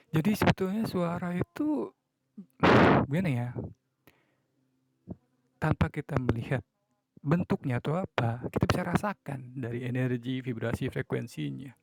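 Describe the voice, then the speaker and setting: A man's voice: medium pitch, gravelly, a little mellow, low-quality recording. A man talking casually on his own podcast, musing and acting out examples of moods and a late-night radio host. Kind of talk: casual solo talk.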